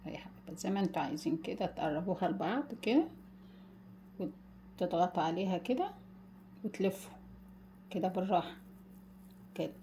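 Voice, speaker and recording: A woman with an Egyptian accent hosting a casual home cooking demonstration, gently guiding viewers step by step and calling them her dears. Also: on the low side, animated, a little fast, long pauses, slight background noise. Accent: Egyptian Arabic. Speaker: cooking channel host.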